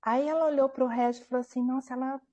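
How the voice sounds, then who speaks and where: A woman's voice: sits high, quick pace. A woman, a book author, telling a personal story in an interview at home, animatedly acting out what people said and often checking in with her listener. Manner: animated retelling, acting out quoted dialogue, frequent tag questions.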